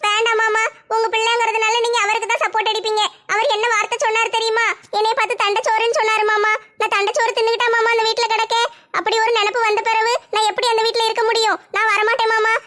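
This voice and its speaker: A woman's voice: very high-pitched, little pitch movement, fast, sharp tone. A woman playing an aggrieved young wife who pleads and complains in a family drama skit. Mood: refusing. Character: hurt, stubborn young wife, a daughter-in-law.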